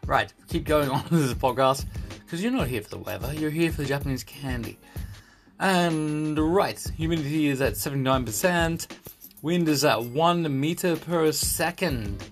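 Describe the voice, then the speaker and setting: A man's voice: a little high, moderate pace, faint music behind. A man hosting a casual solo podcast, rambling and jokey, repeating phrases for emphasis. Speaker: podcast host. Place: indoor room in Tokyo.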